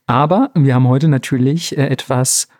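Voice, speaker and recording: Relaxed man retelling a fairy tale. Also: mid-range voice, moderate pace, no room sound, studio quality. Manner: relaxed, slangy, many fillers. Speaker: podcast co-host. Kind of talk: casual storytelling chat.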